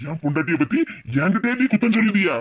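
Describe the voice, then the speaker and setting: A woman's voice: mid-range voice, animated, racing, muffled recording, very noisy, natural voice. A woman voicing a stern, protective older brother in a cartoon who scolds in a Tirunelveli Tamil accent. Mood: angry.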